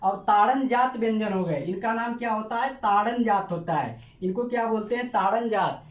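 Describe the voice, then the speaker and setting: A man with a high voice and a roomy sound teaches a grammar lesson, asking questions and then answering them. He stretches out key terms, repeating them with drawn-out emphasis.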